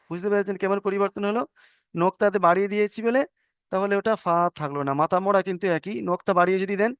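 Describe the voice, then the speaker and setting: Male teacher, patient and repetitive, slightly high smooth voice. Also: dry recording. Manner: patient, repeats letter names slowly, asks if students understood. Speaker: Arabic letters teacher. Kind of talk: online lesson on Arabic letters.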